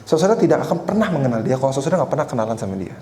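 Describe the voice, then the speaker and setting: A man's voice: mid-range voice, animated, very fast, warm tone. A man in his twenties giving a conversational sermon, telling a personal story and often turning to address the congregation. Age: 20s. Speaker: preacher. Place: church hall. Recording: echoey church hall with faint noise.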